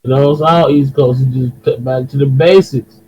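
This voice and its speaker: A man from Detroit with a Detroit accent, talking in animated slangy chat on a podcast. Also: medium pitch, normal speed, slightly rough. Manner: animated, slangy, repeats himself. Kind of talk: casual chat. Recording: dull lo-fi sound.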